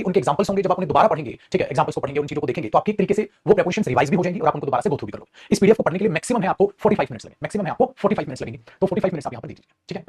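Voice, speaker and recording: A man's voice: high-pitched, slightly rough. A middle-aged man with an Indian accent teaching an exam-prep grammar lesson, calling students "beta" and mixing Hindi explanations with English example sentences. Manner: fast, animated, calls students "beta".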